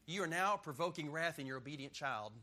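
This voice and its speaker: Here a middle-aged pastor preaches a little fast, his high voice sharp and expressive and ringing at the top. Emphatic and punchy, he jokes with the congregation, hammers his points, and works the call-and-response.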